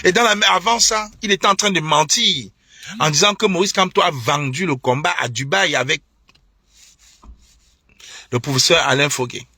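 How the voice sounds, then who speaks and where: A man's voice: fairly high pitch, moderate pace, long pauses, bright, forceful tone, no room sound. A young man from Cameroon, ranting on a live stream with indignant, repetitive, mocking talk and scornful laughs. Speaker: online political commentator. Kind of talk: heated live-stream rant.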